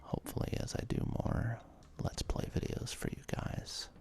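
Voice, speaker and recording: There's a faint hiss or hum under this man's whispered ASMR commentary. He hosts gaming videos, and he talks in a halting, hesitant way with casual asides during play.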